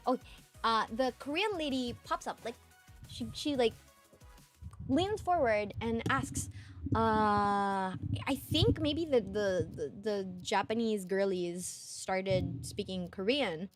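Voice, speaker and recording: A woman's voice: slow pace, soft background music. A young woman from the Philippines, a streamer telling a travel story in casual chat, acting out the people she quotes. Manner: animated, acts out quoted voices with high squeals.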